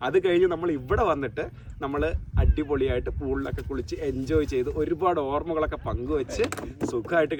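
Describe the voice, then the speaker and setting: Fast-talking Malayali man vlogging, mixing in English. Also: mid-range voice. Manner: Malayalam mixed with English words. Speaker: travel vlogger. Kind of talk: casual vlog talk. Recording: distant mic, faint background noise.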